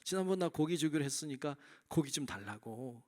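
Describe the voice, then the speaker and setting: A man's voice: fairly high pitch, lively intonation, a little fast, darkish tone, close to an everyday voice. A male preacher voicing a small, brave sparrow who offers to help and later pleads for what he was promised. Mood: pleading.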